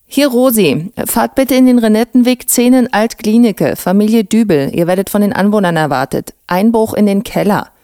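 A woman voicing a brisk, businesslike female police radio dispatcher. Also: mid-range voice, mellow, dry recording, clean studio sound, voice pushed up, close to an everyday voice. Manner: curt, businesslike.

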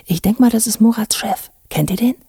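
Woman voicing a gossipy cop colleague, warm low voice, gravelly. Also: brisk, no room sound, studio quality.

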